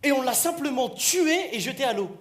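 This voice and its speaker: A male stand-up comedian who teases and jokes with his audience in an animated way. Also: extremely high pitch, normal speed. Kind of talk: stand-up comedy with crowd work. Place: stage in a comedy venue. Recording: echoey venue with crowd laughter and noise.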